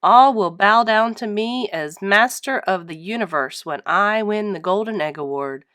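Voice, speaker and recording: A woman's voice: mid-range voice, a little slow, a bit bright, dry recording, studio quality, close to an everyday voice. A woman voicing a tiny, grandiose male cartoon villain with pompous, theatrical delivery for a children's storybook. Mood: gloating.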